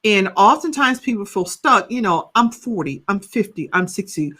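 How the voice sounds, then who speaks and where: On a podcast interview, a woman in her fifties who works as a counselor and coach tells animated stories at normal speed. Her medium-pitched voice has a breathy edge, and she frequently checks in by asking "right?".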